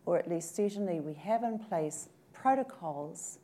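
A woman from New Zealand speaking on a panel, thoughtful and measured, pausing often to gather her words. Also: lowish voice, lively intonation, warm tone. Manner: thoughtful, measured, with frequent pauses and fillers. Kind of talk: panel discussion. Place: conference room at a table.

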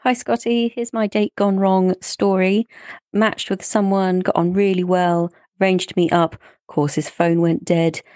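A woman's voice: medium pitch, little pitch movement, unhurried, a little mellow, dry recording. A woman leaving a voice message as a listener, telling a casual story in wry, clipped phrases.

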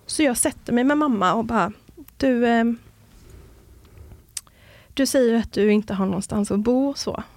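Creaky-voiced woman telling her story. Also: a little high, darkish tone, no room sound. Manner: earnest and halting, with many restarts. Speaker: podcast guest. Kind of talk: personal storytelling in a conversation.

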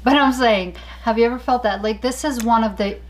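A woman co-hosting a casual podcast chat, animated and laughing often as she tells stories. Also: on the high side, a little fast. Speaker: podcast co-host.

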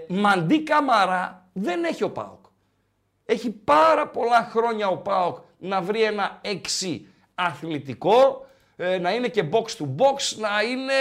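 A man talks football on a live stream with wide swings in pitch and a joking, emphatic delivery. His slightly higher voice carries a hint of being under the weather as he reads viewer messages and argues his point. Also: gravelly. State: slightly sick. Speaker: co-host of a sports live stream. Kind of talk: casual sports chat, reading viewer messages.

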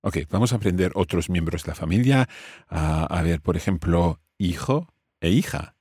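A man's voice: sits low, animated, normal speed, darkish tone, breathy edge, dry recording, studio quality. A man teaching family words in English, explaining patiently and repeating each word for his student. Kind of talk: language lesson dialogue.

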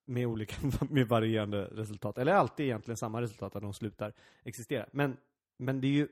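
En man, komiker, som pratar avslappnat i ett samtal, inflikar korta kommentarer och skrattar gärna. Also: medium pitch. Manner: reacts with short interjections, breaks into laughter. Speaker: stand-up comedian, podcast co-host. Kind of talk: casual chat.

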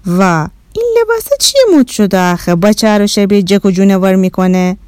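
A woman's voice: medium pitch, lively intonation, darkish tone, clean tone, dry recording, natural voice. A woman voicing an old-fashioned grandmother who tut-tuts at a strange child. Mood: puzzled.

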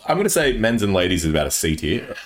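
A young man chatting on a podcast, his voice swinging widely up and down as he jokes. He talks casually and slips into playful, shouted impressions. Low-pitched at rest. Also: fast talker. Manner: animated, jokey, shouts out impressions. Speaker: podcast co-host. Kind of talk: casual chat.

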